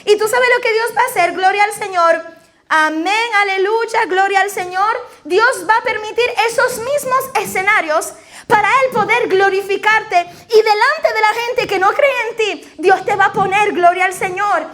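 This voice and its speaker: High, bright, exuberant woman preacher. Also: normal speed. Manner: exuberant, laughing, shouting praises to the congregation. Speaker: pastor. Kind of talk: lively sermon. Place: church in front of a congregation.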